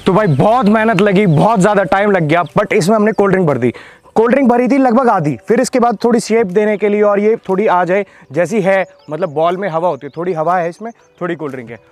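A man's voice: high voice, fast. A young man hosting an experiment video in an open field, casually explaining and calling out instructions to a helper. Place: open grassy field outdoors.

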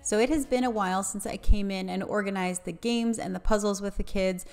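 A woman's voice: medium pitch, steady tone, a little fast, music in the background. A woman in her thirties, a home vlogger, explaining her cleaning routine in a plain, matter-of-fact voice-over. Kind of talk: voice-over narration.

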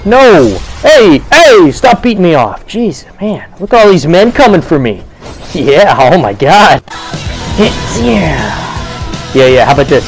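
A young man giving crude, comedic commentary while playing a video game, bursting into shouts and yelps. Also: fairly high pitch, slightly rough, poor audio. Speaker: let's play gamer.

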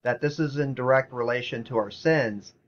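A man's voice: medium pitch, normal speed, lo-fi sound. A man preaching a sermon in an earnest, repetitive way, reading scripture passages aloud. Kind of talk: sermon teaching.

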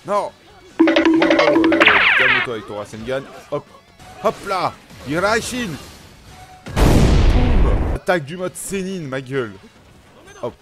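Excitable man commenting on his gameplay. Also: sits high, unhurried, loud music behind the voice. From France. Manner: excitable, chatty, punctuates action with exclamations. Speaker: gaming YouTuber.

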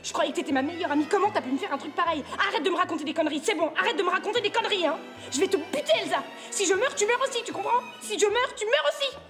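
A woman's voice: sits high, rapid-fire, hardly any pauses, lightly acted. An actress playing a panicked woman of about thirty who swears constantly and repeats herself in frantic bursts. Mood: furious. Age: around 30. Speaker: woman quarrelling by phone with her best friend. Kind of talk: film acting. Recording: film soundtrack with music underneath.

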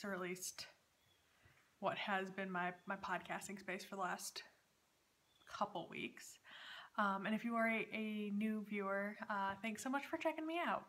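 Bright-voiced woman chatting casually. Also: mid-range voice, slight background noise. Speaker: knitting podcast host. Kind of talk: casual chatty vlog talk. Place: dining room at home, indoors.

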